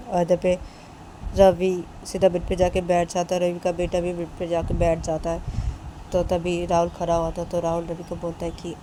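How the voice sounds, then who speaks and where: A woman's voice: lowish voice, dark tone, a little hiss or hum, poor audio. Woman casually retelling a family drama. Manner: repetitive linking phrases, plain and unhurried. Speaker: storyteller.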